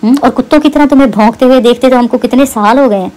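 A woman's voice: high voice, very fast, a little mellow, low-quality recording. A woman YouTuber, delivering a heated, mocking rant to camera against a rival and repeating her jabs.

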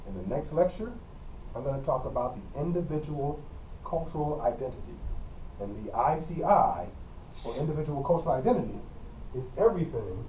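In a mellow, mid-range voice with a Midwestern American accent, a middle-aged college communication instructor lectures plainly, patiently repeating himself and coughing frequently. A camera mic across the empty classroom picks him up, so he sounds far off and roomy. Beneath him runs a faint air-conditioner hum.

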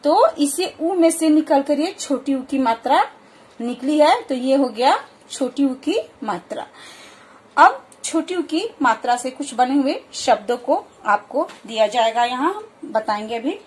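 High-voiced woman teaching letters. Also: expressive. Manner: patient, repeats words slowly for practice. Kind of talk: explaining a Hindi alphabet lesson.

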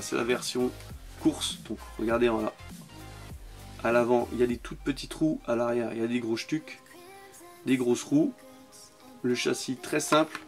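A man with a French accent giving casual, enthusiastic commentary on toy cars from his collection, often repeating words for emphasis. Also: medium pitch. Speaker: toy car collector vlogger.

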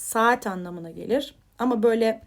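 Creaky-voiced and a little high, a woman moves fairly quickly through English vocabulary for Turkish learners in a chatty way. She raises her voice on each headword, explains it more softly, and checks understanding with "tamam mı?".

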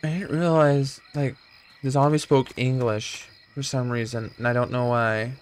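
A man's voice: mid-range voice, little pitch movement, moderate pace, a little hiss or hum. A man giving casual gameplay commentary with dry, sarcastic asides. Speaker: gamer. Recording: game music loud under voice. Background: game music and gunfire.

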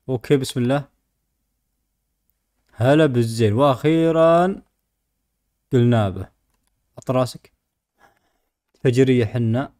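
A man's voice: mid-range voice, warm tone. A man with a Gulf Arabic accent giving informal gameplay commentary, often talking to himself and to the animals in the game. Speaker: gaming video host.

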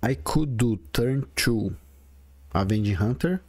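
A man's voice: mid-range voice, animated, takes it slowly, a little mellow, no room sound, clean studio sound. A man in his forties with a strong Brazilian Portuguese accent, chatting and thinking aloud as he comments on his own card game. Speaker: gaming video creator. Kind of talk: casual gameplay commentary.

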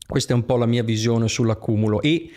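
Italian man, mid-pitched, animated talker who acts out quotes; casual chat guest. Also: fast talker. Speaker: guest, online entrepreneur. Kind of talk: casual podcast conversation.

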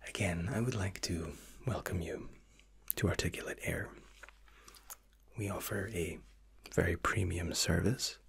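A man's voice: low-pitched, measured pace, creaky, fairly bright tone, husky, full character voice. A man in his thirties in a whispered role-play as an attentive, reassuring first-class flight attendant with formal, soothing service patter.

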